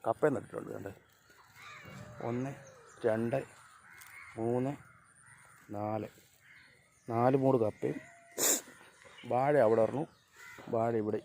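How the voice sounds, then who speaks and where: A man talking casually to his cats and dogs outdoors by a road, coaxing them and sometimes shouting at them to move. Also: medium pitch, steady tone, slow pace, creaky, pauses often, slight background noise. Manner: coaxing and scolding the animals, shouting now and then. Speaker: vlogger. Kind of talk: casual chat with his pets.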